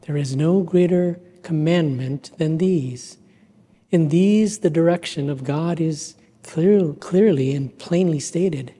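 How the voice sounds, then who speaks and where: A man in his fifties, a pastor, leading prayer and a benediction in a slow, solemn, measured way from the pulpit of a church sanctuary. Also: on the high side, dark tone, breathy edge. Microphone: pulpit microphone. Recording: hall reverb with organ music.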